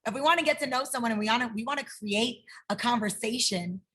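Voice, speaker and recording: A woman's voice: a little high, fast talker, fairly bright tone. A woman martial arts instructor teaching a kids' life-skills workshop over a video call, upbeat and encouraging as she asks the class questions.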